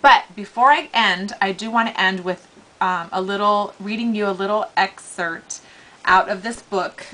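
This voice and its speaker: A middle-aged woman chatting casually to camera as a vlogger, with an animated, gushing, informal way of talking. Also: mid-range voice, normal speed, low-quality recording. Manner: animated, gushing enthusiasm, informal slangy wording. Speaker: vlogger hosting a giveaway.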